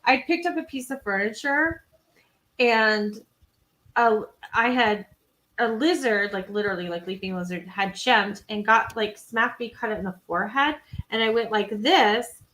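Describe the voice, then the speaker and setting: A woman's voice: on the high side, moderate pace, bright, forceful tone, rough recording. A woman co-hosting a live true-crime podcast, chatting casually and rambling with frequent laughs. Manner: rambling, giggly, self-deprecating. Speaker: podcast co-host. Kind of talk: casual live-stream chat.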